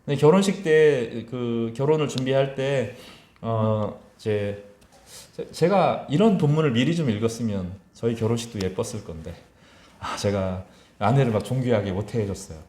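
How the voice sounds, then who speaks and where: A man, a pastor, preaching a sermon in a church, acting out quotes in lively voices and dropping to soft asides. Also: moderate pace, echoey room. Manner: animated, acts out mocking voices and quotes; mixes loud rising quotes with soft low asides. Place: church sanctuary.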